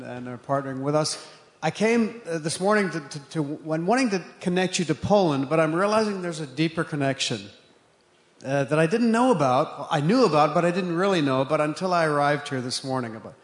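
Earnest missionary man in an echoey hall. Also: a little high. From Zimbabwe. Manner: earnest, with many hesitations. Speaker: guest missionary. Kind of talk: testimony talk. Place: church sanctuary. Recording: echoey room with long reverb.

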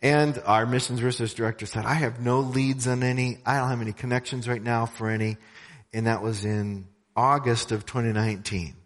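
A man's voice: medium pitch, fairly even intonation, normal speed. A man from a missions organization telling a story to a church congregation in a conversational way, with asides to the audience. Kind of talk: church talk. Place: church sanctuary. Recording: long hall reverb.

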